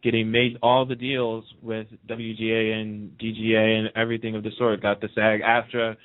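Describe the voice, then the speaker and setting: This talk show host has a fairly low voice and a completely flat delivery at a moderate pace. He talks casually yet emphatically about his views, repeating himself for emphasis, and the recording sounds narrow and muffled like a phone.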